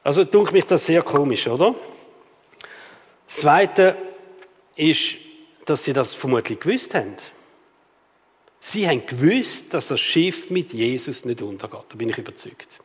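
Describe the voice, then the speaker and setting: A man preaching a sermon with a Swiss German accent, lively and rhetorical, often asking the audience questions. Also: fairly high pitch, a little slow, long pauses. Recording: long reverb of a hall.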